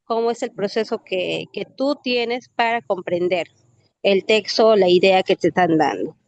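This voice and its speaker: A woman student reading a definition aloud at a steady pace, then explaining it with small fillers and tag questions. Her voice is mid-pitched. The sound is dry and muffled, with a lo-fi quality. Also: normal speed, gravelly, no echo. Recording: dull, lo-fi sound.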